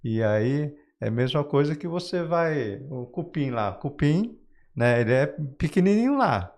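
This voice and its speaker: A man with a Brazilian Portuguese accent speaks as a guest author in an interview, explaining ideas conversationally through everyday examples and frequent check-in tags. His voice is on the high side and darkish in tone, sing-song and unhurried.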